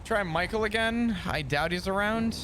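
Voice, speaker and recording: A man streaming a roleplay game, talking casually in a deliberately flat, bland monotone. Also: high voice, noisy background.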